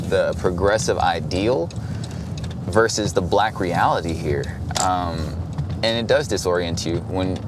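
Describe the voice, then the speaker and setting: A man interviewed outdoors for a documentary, speaking reflectively and searching for words. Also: sits low. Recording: street noise behind.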